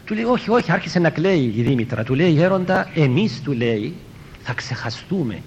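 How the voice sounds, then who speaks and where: A man's voice: animated, darkish tone. A priest tells a story as a homily, acting out the quoted speakers and repeating "he tells me" again and again. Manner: retells a story, quoting others and repeating "he tells me". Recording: muffled lo-fi with faint rumble.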